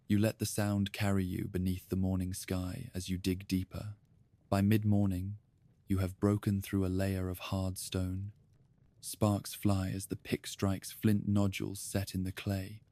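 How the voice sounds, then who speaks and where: A man narrating a bedtime history story in a calm, soft-spoken, even manner, addressing the listener as "you". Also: low-pitched, no echo.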